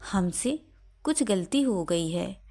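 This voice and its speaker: A woman voicing a gentle, worried young daughter-in-law who pleads politely. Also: mid-range voice, lively intonation, takes it slowly. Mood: pleading.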